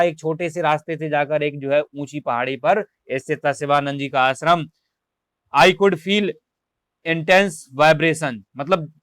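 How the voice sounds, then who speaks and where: A male teacher leads an online class, reading English lines aloud, explaining each word, and posing and answering his own questions as he translates the text. His voice is a little high, fairly bright, clear and resonant, in clean studio sound with no echo.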